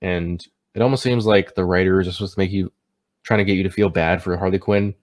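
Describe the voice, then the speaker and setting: A man's voice: sits low, fairly even intonation, a little fast. A man giving a casual, unscripted movie review, sounding tipsy as he stumbles over words and catches himself.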